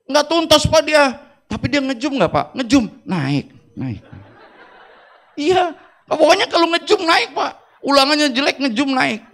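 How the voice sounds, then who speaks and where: A middle-aged man, a school principal giving a lively, joking workshop talk to teachers in an auditorium. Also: very high-pitched, measured pace, gravelly, pauses often. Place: auditorium with audience.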